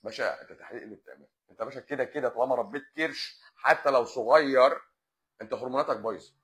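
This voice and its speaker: A man's voice: mid-range voice, very fast, a bit bright. A man with an Egyptian accent, a doctor hosting a live stream who answers viewer comments in a blunt, lecturing way and drops English medical terms into his talk. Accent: Egyptian Arabic. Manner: blunt and lecturing, often exasperated.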